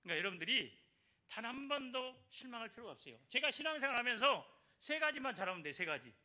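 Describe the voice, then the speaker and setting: Lively bright-voiced church elder exhorting. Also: male voice, extremely high pitch, quick pace. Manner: exhorting, repeats key phrases, asks the congregation for responses. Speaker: church elder giving testimony. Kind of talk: evangelism testimony in a church service.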